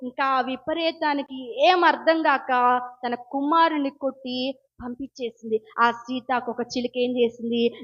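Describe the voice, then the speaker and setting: A woman preacher telling a story in a sermon, acting out pleading prayers and asking her listeners questions. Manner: emotional, rising to high pleading cries; asks the congregation questions. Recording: dull lo-fi sound.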